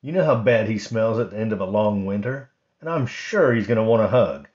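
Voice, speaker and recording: A fussy, grumbling bunny from a storybook, raised in pitch and pushing hard on his complaints, put on by a male reader. His voice swings up and down a lot. The recording sounds dull and lo-fi. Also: lively intonation, fairly quick, a little mellow, close to an everyday voice. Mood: grumpy. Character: grumpy complaining male rabbit, small.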